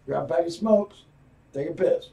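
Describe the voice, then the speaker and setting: A man hosting a solo podcast, talking in a profane, meandering way with loud outbursts, and sounding a little tipsy. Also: a little high, moderate pace, vocal fry. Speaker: podcast host. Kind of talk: rambling solo podcast talk. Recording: voice a bit far from the mic.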